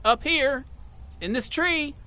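A man's voice: very high-pitched, slow, bright, forceful tone, a little hiss or hum, exaggerated voice. A man playing a bewildered cowboy in an audio drama, flustered and strained as if hanging upside down. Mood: desperate pleading.

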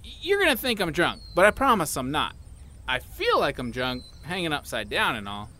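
A man's voice: fairly high pitch, wildly swooping pitch, normal speed, pushed and bright, a little hiss or hum, exaggerated voice. A man playing a bewildered cowboy in an audio drama, flustered and strained as if hanging upside down.

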